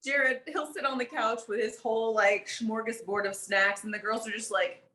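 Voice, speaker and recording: A woman's voice: fairly high pitch, steady tone, normal speed, bright, forceful tone. Giggly woman in casual chat. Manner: laughs through her stories. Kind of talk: casual chat among friends.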